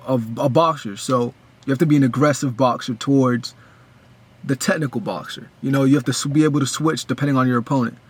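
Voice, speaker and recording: Young man, casual fight breakdown, rambling, lots of fillers, fan analyst. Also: mid-range voice. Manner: rambling, many restarts and fillers.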